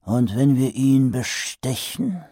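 A man's voice: mid-range voice, expressive, slow pace, dark tone, husky, no room sound, clean studio sound, pitched above the performer's own voice, exaggerated voice. A man doing Lord Vetinari, a brusque city ruler. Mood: indignant. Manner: brusque, clipped, indignant.

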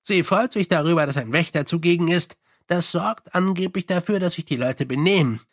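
A man putting on a scruffy little corporal for an audiobook, chattering on with cheerful, unbothered eagerness. The voice sits fairly high and bounces upward when he gets keen. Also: brisk, no echo, studio quality, lightly acted. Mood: chatty. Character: scruffy small male corporal, chatty and cheeky.

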